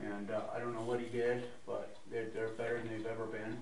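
A man talks through a meeting report in a loose, rambling way, often restarting his sentences. He sounds far from the microphone in an echoey room, with steady background noise under his voice. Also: on the low side, brisk. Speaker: staff member reporting at a meeting.

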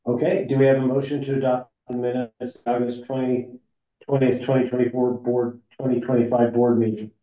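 A man serving as district counsel, chairing a formal board meeting in a measured way with frequent fillers, his voice heard over a remote call line that breaks up. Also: mid-range voice, flat delivery. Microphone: remote call audio. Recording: muffled echoey call audio.

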